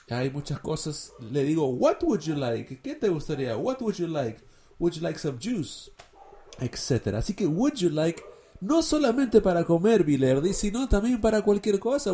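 A man with a gravelly, mellow voice teaches English in a podcast lesson. His pitch rises and falls a lot as he slowly repeats the example phrases.

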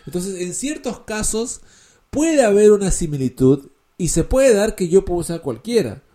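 An English teacher gives a lesson in Spanish, patiently explaining and repeating key words and examples. His voice is mellow and on the high side.

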